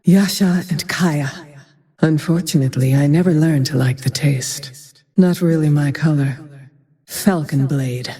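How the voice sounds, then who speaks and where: A woman voicing a grim, vengeful, haunted female ranger hero in a fantasy game, with terse, brooding, breathy lines. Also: low-pitched, warm tone. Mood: cool, terse. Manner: measured, terse, brooding delivery. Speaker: video game voice actor. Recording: long reverb on the voice.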